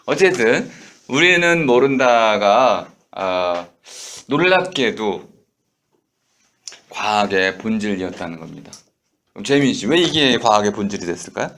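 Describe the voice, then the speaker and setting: A middle-aged male lecturer in a classroom, coaching students through a reading with quick prompts. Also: fairly low pitch, very animated, fairly bright tone. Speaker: university lecturer. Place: lecture room.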